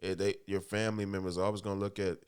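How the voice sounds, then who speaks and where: Podcast co-host, late-20s man, low-pitched, easygoing and reflective. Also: flat delivery, very fast, smooth. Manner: laid-back, reflective, many "yeah"s and "you know"s. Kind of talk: casual chat.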